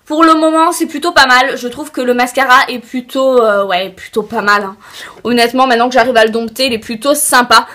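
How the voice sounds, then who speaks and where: A young woman reviewing makeup products in a casual, chatty way, often pausing with fillers. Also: on the high side, bright, forceful tone. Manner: chatty, hesitant with many fillers. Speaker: beauty vlogger.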